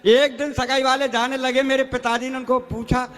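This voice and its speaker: High-voiced man telling rustic stage jokes. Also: little pitch movement, normal speed, fairly bright tone. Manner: rustic, chatty storytelling, keeps addressing the crowd as sir. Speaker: comic poet. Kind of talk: stage comedy storytelling.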